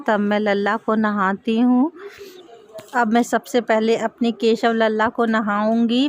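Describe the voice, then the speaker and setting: A woman calmly showing a home worship routine step by step, speaking gently and affectionately. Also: on the high side. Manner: gentle, affectionate, speaks softly to the idols as to babies. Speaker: devotional home vlogger. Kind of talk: calm step-by-step ritual demonstration. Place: home puja area, indoors.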